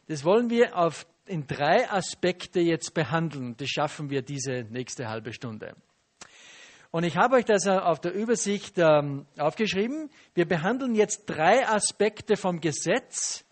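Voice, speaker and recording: A man preaching a teaching sermon, lively and asking the listeners questions. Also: sits high. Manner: lively, asks the audience questions and acts out quotes.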